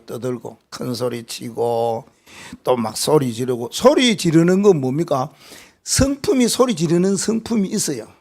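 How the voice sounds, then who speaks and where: A male pastor with a Gyeongsang accent preaching a sermon, animated and asking the congregation frequent rhetorical questions. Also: on the high side, vocal fry.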